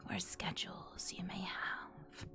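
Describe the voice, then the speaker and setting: A woman hosts an ASMR guided meditation in a whisper, soothing and instructional, leaving long pauses. Music plays in the background.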